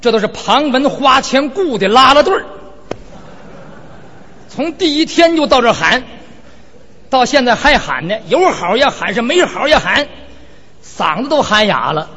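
Animated storyteller with a very high voice. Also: male voice, moderate pace, pauses often, slight background noise. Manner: animated, dramatic, humorous. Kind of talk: traditional storytelling performance. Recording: reverberant hall, dull lo-fi sound.

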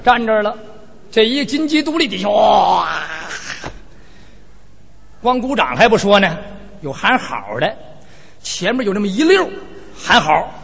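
A man telling a traditional tale, animated and comic, his very high voice swinging widely. The recording is dull and lo-fi, with a long hall reverb. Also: moderate pace, husky. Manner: animated, dramatic, humorous. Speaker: storyteller. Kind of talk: traditional storytelling performance.

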